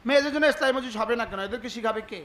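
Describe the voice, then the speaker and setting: A man's voice: very high voice, rapid-fire, a bit bright. A man preaching a sermon, asking the crowd rhetorical questions and acting out dialogues. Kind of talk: Islamic sermon (waz).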